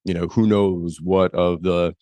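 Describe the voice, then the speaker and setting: A man's voice: low-pitched, flat delivery, unhurried, dark tone, no echo. A man interviewing a guest, asking long, rambling questions full of "you know" and "right?". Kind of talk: conversational interview.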